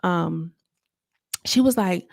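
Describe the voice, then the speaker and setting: A woman's voice: fairly low pitch, drawn-out words, gravelly, a little mellow, no echo, studio quality. A woman casually recapping a reality show for her viewers, chatty and gossipy, talking straight to her audience. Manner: chatty, addresses audience as y'all and girl, trailing restarts.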